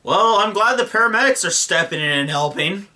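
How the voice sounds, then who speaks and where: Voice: mid-range voice, animated, a little fast, pushed and bright, soft background music. Young movie reviewer ranting in disbelief, swears a lot. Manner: incredulous, ranting, swears often. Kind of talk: profane film review commentary.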